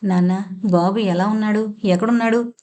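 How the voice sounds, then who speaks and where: A woman's voice: medium pitch, steady tone, normal speed, dark tone, natural voice. A woman reading the part of a troubled, hesitant middle-aged man speaking to his father in an audiobook story. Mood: subdued. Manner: hesitant, subdued.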